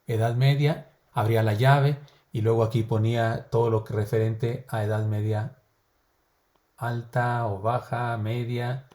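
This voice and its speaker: A man's voice: mid-range voice, flat delivery, measured pace, mellow. Middle-aged guy teaching a seminary class, goes step by step, throws questions at the students. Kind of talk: recorded seminary lecture.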